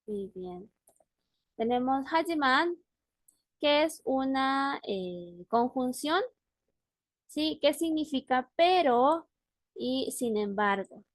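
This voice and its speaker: Speaking slowly with frequent pauses, a high-pitched woman uses lively intonation as she leads a language lesson by video call. She walks her student through words with patience, checking in regularly, and the recording is dry.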